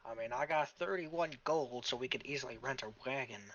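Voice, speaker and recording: A man's voice: mid-range voice, brisk, a bit bright, slight background noise. A man joking casually with friends as a player in a tabletop role-playing game. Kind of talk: casual joking group chat during a game. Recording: slightly dull, lo-fi voice capture.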